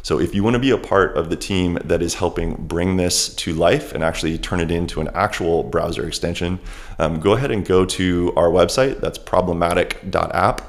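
Very low-pitched man, casual podcast host. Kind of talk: casual solo podcast introduction.

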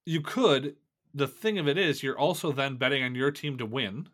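A man's voice: mid-range voice, moderate pace, a bit bright. A man co-hosting a casual sports podcast, answering in brief, dry replies. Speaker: podcast co-host.

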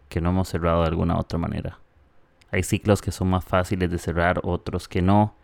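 This is a Costa Rican man in his thirties talking to his podcast listeners in a casual, reflective monologue. His voice sits low and comes across smooth and resonant, with a dry, close sound and no room around it. He drifts along easily and drops in "eh" between thoughts. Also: dry recording. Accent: Costa Rican Spanish. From Costa Rica. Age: 30s. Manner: warm, chatty, with frequent "eh" fillers. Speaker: podcast host.

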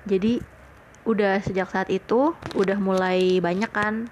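A woman's voice: mid-range voice, fairly even intonation, a little slow, a little mellow, slight background noise. A young woman hosting a podcast, telling a personal story in a casual, chatty way, full of fillers and retold conversations, earnest and grateful. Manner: chatty, leans on frequent fillers and retells conversations. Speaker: podcast host.

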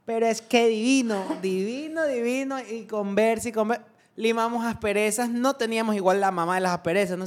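Animated man telling stories. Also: high-pitched. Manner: animated storyteller, acts out quotes, jokey. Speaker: guest. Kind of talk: casual chat about his relationship.

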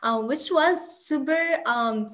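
A woman from Syria speaks on a student panel, her voice a bit high. She talks hesitantly, with lots of ums and uhs. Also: slow, fairly bright tone. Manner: hesitant, many fillers. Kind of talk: casual panel discussion.

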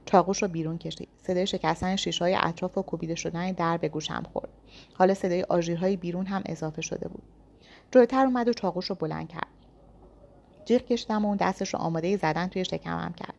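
A woman's voice: on the low side, gravelly, a little mellow, slight background noise. A woman reading a first-person thriller story aloud with tense, dramatic storytelling. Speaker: narrator.

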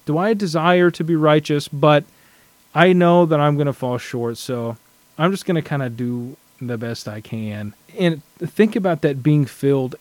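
A man's voice: fairly high pitch, a little mellow, no room sound. Earnest man reflecting on scripture. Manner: earnest, reflective, frequent restarts. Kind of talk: casual scripture study chat.

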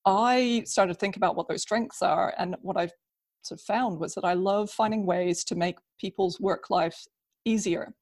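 A woman speaking as an interview guest, explaining things conversationally in an agreeable, measured way. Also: mid-range voice, a little mellow, no echo, clean studio sound. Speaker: interview guest, business process consultant.

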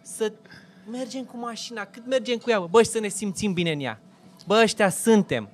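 A man in casual chat, arguing his point emphatically, with a rough, blunt way of addressing his friend. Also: high-pitched. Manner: emphatic, argumentative, calls people "bă" and "mă".

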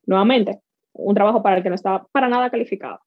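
A woman's voice: mid-range voice, rapid-fire, no room sound, narrow, tinny audio. A woman from the Dominican Republic, a guest in an interview, speaking candidly and earnestly and mixing in English words. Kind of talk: interview conversation.

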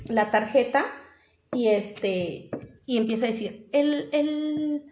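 A woman's voice: on the high side, measured pace, echoey room, slight background noise. A young woman with a Mexican Spanish accent, co-hosting a casual podcast chat and telling a story with acted-out voices. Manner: animated storyteller, acts out voices and laughs. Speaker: podcast co-host. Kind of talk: casual chat among friends.

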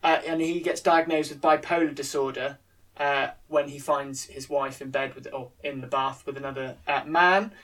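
A man co-hosting a film podcast over an internet call, speaking haltingly with many fillers. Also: medium pitch, fairly even intonation, a bit bright. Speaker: podcast co-host. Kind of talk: casual podcast chat. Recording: distant from the mic on an internet call.

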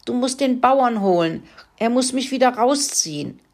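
A woman voicing a young male pig stuck in a mud pit, crying out in high squeals for help. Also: expressive, moderate pace, a little mellow. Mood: panicked.

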